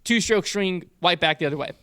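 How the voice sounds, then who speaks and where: Guy on a podcast mic, bright kinda high voice, rambly, fillers everywhere, dry sound. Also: a little fast, clean tone, no echo. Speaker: podcast co-host. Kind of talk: casual sports podcast chat. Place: podcast studio. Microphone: studio podcast mic.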